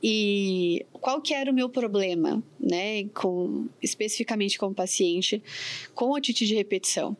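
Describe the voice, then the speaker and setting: A woman talking as a podcast guest, chatty and telling her own stories in a lively way. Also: mid-range voice, a little slow. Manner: chatty, animated storytelling. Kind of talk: casual podcast conversation.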